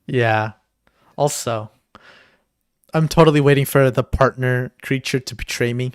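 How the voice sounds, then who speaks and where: A man co-hosting a livestream in casual chat, excitable and jokey, swearing now and then. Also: mid-range voice, measured pace, clear, resonant tone, no room sound, clean studio sound. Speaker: stream co-host.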